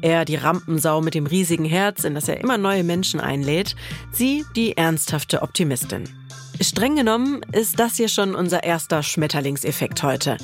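A woman hosting and narrating a podcast, telling the story in a lively, personal way. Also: deep voice.

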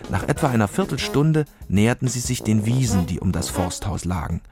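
Low-voiced man reading a children's story. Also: expressive, fairly quick, music in the background. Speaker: audiobook narrator.

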